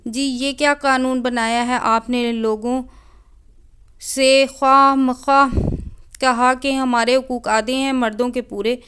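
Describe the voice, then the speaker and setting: Defiant young woman student leader, read by a woman, combative, insistent, high clear voice. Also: steady tone, fairly bright tone. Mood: indignant.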